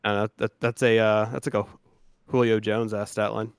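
A man's voice: fairly low pitch, flat delivery, normal speed, vocal fry, smooth, no room sound, studio quality. A man co-hosting a sports podcast in loose, casual chat, swearing freely and restarting his sentences often. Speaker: podcast co-host.

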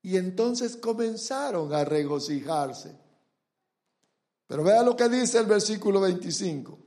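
High-voiced, slow preaching man. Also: animated. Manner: emphatic, repeatedly urging listeners to look and pay attention; sharp swings between loud and hushed delivery. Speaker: pastor. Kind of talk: sermon.

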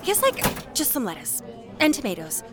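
A woman's voice: high-pitched, huge pitch swings, normal speed, over music. An actress playing a chatty, fussy young woman ordering at a sandwich counter. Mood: bubbly. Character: bubbly picky young female customer.

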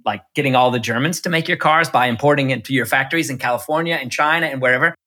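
A man's voice: mid-range voice, sharp tone. A man giving an interview, chatting through stories with many restarts and fillers. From United States. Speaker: interview guest, electric car executive. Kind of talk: casual storytelling interview. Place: Munich.

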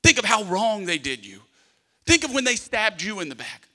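A man's voice: high voice, very animated, moderate pace, sharp tone. A man preaching a sermon in an emphatic yet conversational way, with humorous personal stories. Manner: emphatic, with repeated phrases for the congregation to echo; conversational, acting out small dialogues. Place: large hall, preaching to a congregation. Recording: long hall reverb.

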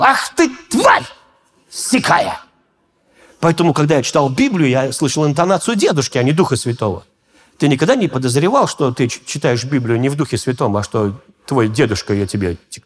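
A male pastor preaching a sermon, telling stories with acted-out voices and bursts of shouting. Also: on the high side. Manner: animated storytelling, acts out voices and shouts.

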